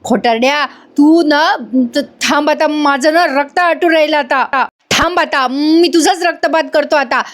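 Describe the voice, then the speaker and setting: An angry drunken uncle rants loud accusations at his old friend, as a woman narrating a serial puts him on. The voice stays high, with no attempt to lower it. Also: a little slow, few pauses. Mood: accusing. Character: drunken angry middle-aged uncle shouting.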